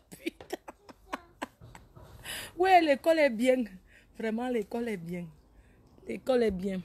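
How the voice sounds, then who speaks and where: A woman hosts a casual live stream, reading viewers' names aloud. Her voice sits a little high, and her talk is lively and teasing. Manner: animated, teasing, laughs often, scolds viewers. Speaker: Facebook live host.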